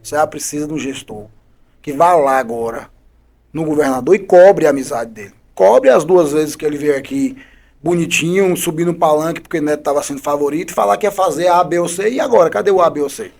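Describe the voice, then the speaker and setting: A man's voice: a little high, fairly quick, gravelly, darkish tone. A man, a politician guest on a podcast, speaking combatively with repeated rhetorical questions. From Bahia, Brazil. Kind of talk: podcast interview.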